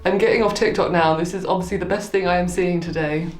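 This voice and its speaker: A woman's voice: lowish voice, steady tone, fast talker. A woman casually reading out comments and reacting with dry, playful, self-deprecating sarcasm. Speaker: video creator. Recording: roomy echo, faint music behind. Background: faint music.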